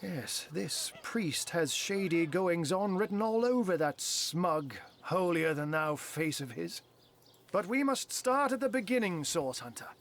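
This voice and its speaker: An actor playing a sly old wizard in cat form in a fantasy game, arch, wordy and conspiratorial. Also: male voice, sits high, slight background noise, full character voice. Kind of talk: fantasy game character dialogue.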